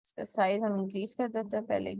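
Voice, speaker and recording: A woman's voice: medium pitch, level tone, a little fast, vocal fry, mellow, no echo. A woman teaching graphic design step by step, with a frequent "okay" between steps and English terms mixed into her speech. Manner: mixes English words into Hindi. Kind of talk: screen-recorded software tutorial.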